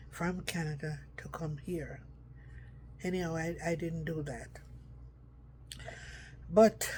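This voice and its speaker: A woman's voice: on the low side, darkish tone, slight background noise. A middle-aged woman telling a personal story in a casual, rambling way, often circling back with "anyhow".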